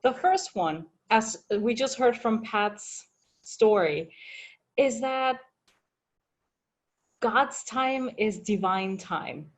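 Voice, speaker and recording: Slow, earnest woman in her forties. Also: fairly high pitch. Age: 40s. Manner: thoughtful, unhurried, earnest. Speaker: religious sister in formation. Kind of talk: personal reflection on a video call. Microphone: video call.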